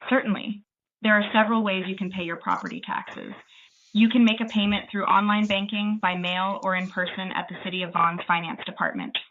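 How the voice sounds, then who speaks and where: Over a tinny phone line with slight noise, a woman's synthetic assistant voice gives polite, formal, scripted customer service answers with no hesitation. Her voice is mid-range and fairly bright, with brisk pacing and fairly even intonation.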